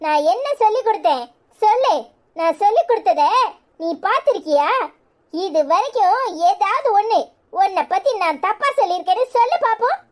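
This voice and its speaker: A woman voicing a gentle, wronged young wife in a cartoon, pleading and hurt, with a Tirunelveli Tamil accent. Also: animated, normal speed. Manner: pleading and hurt, softer and lower.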